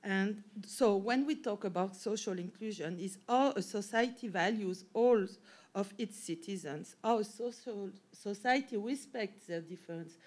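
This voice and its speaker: This academic conference talk comes from a woman professor on a panel whose voice is mid-range and darkish. French is her first language and her accent shows it; she keeps restarting and correcting herself.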